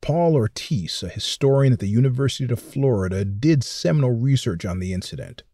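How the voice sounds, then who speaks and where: A man's voice: mid-range voice, expressive, fairly quick, warm tone, no echo, clean studio sound. A man hosting a documentary podcast, reading scripted narration in a true crime storytelling style.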